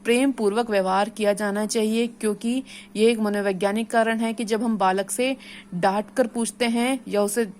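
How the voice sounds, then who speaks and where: A woman's voice: medium pitch, a little mellow, a little hiss or hum. Woman lecturing, repeating each point. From India. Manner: explains each point, then repeats and restates it in plain terms. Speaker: assistant professor lecturing teacher trainees. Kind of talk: classroom lecture.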